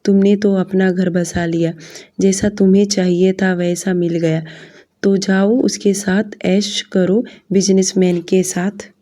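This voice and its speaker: A woman's voice: mid-range voice, little pitch movement, unhurried, mellow, lightly acted. A woman doing a scornful, bitter stepmother. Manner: scornful, accusing.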